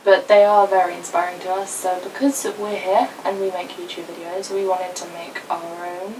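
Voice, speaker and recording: A young woman co-hosting a casual video chat, telling a story with quick asides. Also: lowish voice, level tone. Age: young adult. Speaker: YouTube co-host. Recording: distant mic with faint noise.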